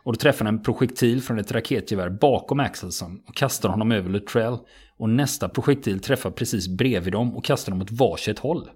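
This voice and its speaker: A man with a fairly low, husky voice tells a true story to a listener in a podcast chat. His delivery is steady and matter-of-fact, moving through the account in plain, conversational sentences with frequent small hesitations.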